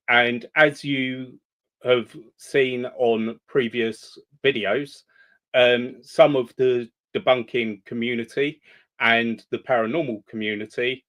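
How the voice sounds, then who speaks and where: A man hosting a reaction video, speaking in a measured, hesitant way with frequent pauses and ums. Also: medium pitch, fairly bright tone. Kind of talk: commentary on a played video.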